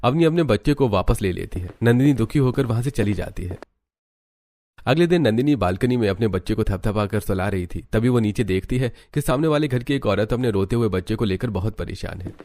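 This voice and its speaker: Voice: mid-range voice, brisk. शांत, सधी आवाज़ में कहानी सुनाने वाला. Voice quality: even, storytelling. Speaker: narrator. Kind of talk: scripted story narration.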